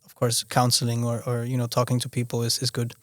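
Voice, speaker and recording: A young Austrian man appears as a podcast guest in a casual conversational interview, speaking fast in a mid-range voice with a completely flat delivery. He often restarts sentences and leans on "you know," recorded in studio quality with no echo.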